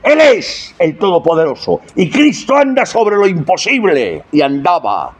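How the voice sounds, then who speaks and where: A man's voice: sits high, sing-song, a little slow. A man preaching a sermon, often asking the congregation rhetorical questions.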